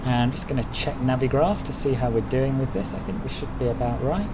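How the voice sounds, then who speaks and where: Male flight sim streamer, average pitch, casual commentary, heavy engine noise. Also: a little fast. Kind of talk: casual running commentary while flying a simulator. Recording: loud engine and air noise behind.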